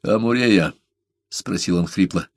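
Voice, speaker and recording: A man narrating a novel as an audiobook in a measured, dramatic reading. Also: sits low, breathy edge, no room sound.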